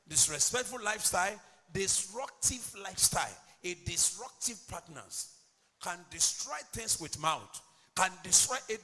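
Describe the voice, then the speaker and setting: Male pastor preaching, high ringing voice, big hall echo, shouts then drops low. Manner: emphatic preaching, swings from shouts to low asides. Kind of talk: sermon.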